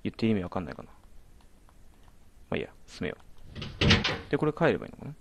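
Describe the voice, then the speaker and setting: A man's voice: lowish voice, very animated, fast talker, vocal fry, heavy background noise. A man commentating a horror game as he plays, jumpy, alternately exclaiming and muttering to himself. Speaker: let's play commentator.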